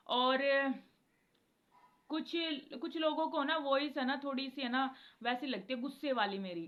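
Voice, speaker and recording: A woman's voice: sits high, dull audio. A young woman giving a casual devotional talk to her viewers from a room, chatty and earnest, with lots of filler tags and English words mixed into her speech. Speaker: devotional vlogger. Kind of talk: casual spiritual talk to camera. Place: indoor room.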